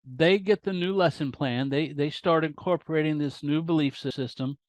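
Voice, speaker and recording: A man hosts an interview over a video call and works through his questions in a halting way, often repeating words. His voice sits a little high for a man, and the recording is dry and close. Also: dry recording. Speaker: podcast host.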